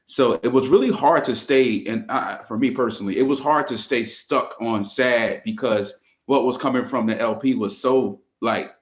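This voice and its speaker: A man musing at a relaxed, meandering pace in casual podcast chat, with a mid-range voice. His audio sounds muffled and lo-fi, as if from a lesser mic. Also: mid-range voice, normal speed, few pauses. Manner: reflective and meandering, many fillers. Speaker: podcast co-host. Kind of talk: casual podcast chat about hip hop. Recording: dull lo-fi mic.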